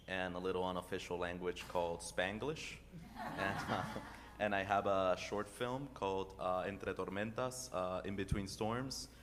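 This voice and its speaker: A man's voice: low-pitched, a bit bright. A man from Rico, a filmmaker speaking hesitantly with many fillers. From Puerto Rico. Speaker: filmmaker panelist. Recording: hall reverb, faint room noise.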